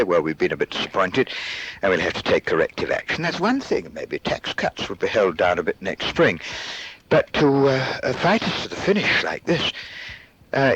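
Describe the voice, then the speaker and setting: A middle-aged man dictating his diary in measured, dated entries with uh and um pauses, heard from a worn tape copy. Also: on the low side, slightly rough. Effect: worn tape copy, muffled with hiss. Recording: muffled old cassette tape with hiss.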